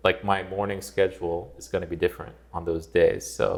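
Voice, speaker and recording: A man's voice: deep voice, little pitch movement, quick pace, a little mellow. A man hosting a casual interview, chatting loosely with frequent "like" fillers. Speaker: host, composer.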